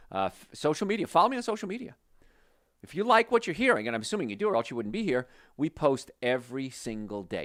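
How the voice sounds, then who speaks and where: A man from New Jersey hosting a health podcast, talking to listeners in an animated, conversational way. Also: mid-range voice. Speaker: health show host. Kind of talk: promotional health podcast talk.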